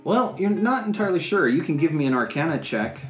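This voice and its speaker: Man running a tabletop game, higher voice, lively pitch, roomy echo, soft guitar music behind. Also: fast talker. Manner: laughing, descriptive narration. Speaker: game master.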